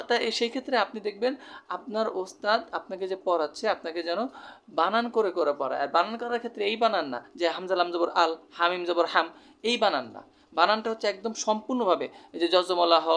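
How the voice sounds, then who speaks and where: A high, fairly bright voice with vocal fry belongs to a Bangladeshi man teaching how to recite the Quran. His spoken lesson is explanatory and repetitive, going over terms again and again with frequent fillers.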